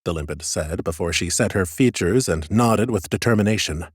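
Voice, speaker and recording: In a dry, close-miked recording free of any room sound, a man narrates a first-person fantasy audiobook from a script. His husky voice leans low, and he tells the story at a measured, deliberate pace.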